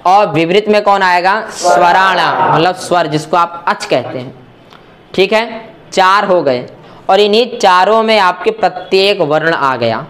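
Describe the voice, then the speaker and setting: A man's voice: high-pitched, a little slow, fairly bright tone. A man teaching Sanskrit grammar as a lesson, asking questions and answering them himself and checking often that the listener follows. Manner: asks and answers his own questions, checks understanding often. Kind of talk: classroom explanation.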